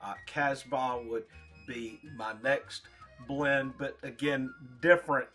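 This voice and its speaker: A man giving a casual, rambling product review in short, halting phrases, as a reviewer talking to his viewers. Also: medium pitch, fairly even intonation, pushed and bright, faint music behind. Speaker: pipe tobacco reviewer.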